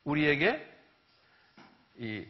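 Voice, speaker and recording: Male pastor, higher register, dramatic sermon storyteller; dull lo-fi recording. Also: extremely slow. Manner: animated storytelling, acting out biblical voices loudly. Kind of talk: sermon lecture. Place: church or seminar hall.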